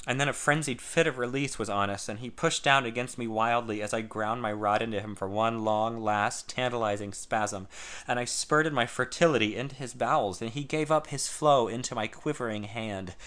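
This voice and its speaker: Bright-voiced man narrating a story. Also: medium pitch, moderate pace. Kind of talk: first-person story narration.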